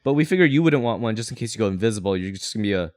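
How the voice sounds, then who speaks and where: A man's voice: on the low side, animated, very fast, dry recording, clean studio sound. A man working as game master, casually narrating a tabletop game in an explanatory, rambling way.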